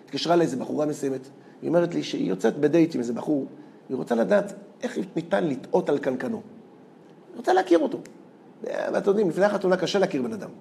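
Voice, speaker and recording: A man, a rabbi, giving a lively storytelling lecture, often repeating words and laughing through his anecdotes. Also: on the high side, creaky, slight background noise. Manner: animated, repeats words, laughs as he tells stories.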